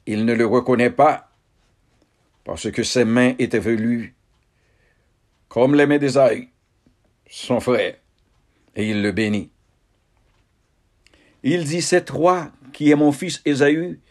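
A man reads scripture aloud in a solemn, measured manner, breaking the text into short phrases. He takes his time, with a very unhurried pace and an ordinary mid-range pitch. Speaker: Bible reader. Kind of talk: scripture reading.

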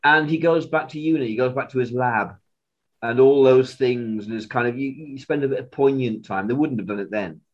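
A male podcast host in casual fan chat, rambling and animated, tripping over restarts as his ideas run ahead of him. His voice sits at a middling pitch, and the sound is slightly dull and lo-fi. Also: a little fast.

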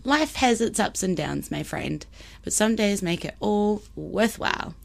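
Hosting a podcast, a broad-accented New Zealand woman chats in an expressive, unhurried way, her mid-range voice touched by vocal fry. Her talk is colloquial, full of Kiwi slang and Māori phrases.

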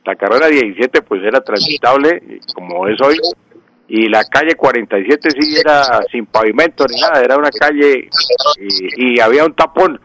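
A man with a Santander Colombian accent who answers listeners' questions on the radio like a teacher. He speaks slowly, repeats key words and pauses on "eh" fillers. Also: medium pitch, expressive, a bit bright. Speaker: language and local history expert on radio. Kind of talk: radio call-in explanation.

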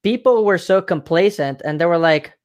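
A man's voice: high-pitched, normal speed. A man from Mexico hosting a casual livestream chat, rambling and hedging with filler phrases. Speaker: livestream host.

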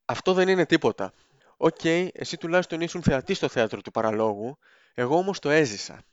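A man's voice: on the high side, lively intonation, no room sound, lo-fi sound. A man telling a story about his own morning in a dry, self-mocking, conversational way. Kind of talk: casual storytelling.

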